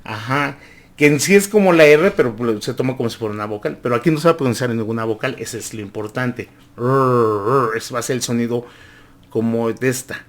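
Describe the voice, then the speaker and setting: A man teaching English pronunciation, repeating each word several times and growling long R sounds to show how they are made. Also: medium pitch. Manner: growls drawn-out R sounds to demonstrate. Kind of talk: language lesson.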